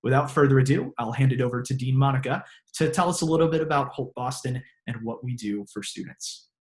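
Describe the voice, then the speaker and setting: A man's voice: mid-range voice, fairly quick. A man hosting an online open house on a video call, reading scripted introductions with small slips. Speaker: host. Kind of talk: webinar hosting.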